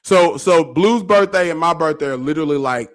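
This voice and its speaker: Laid-back man, slightly high voice. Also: brisk. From Arkansas, USA. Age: 40s. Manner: laid-back, laughs often, repeats words. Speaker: podcast host. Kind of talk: casual chat.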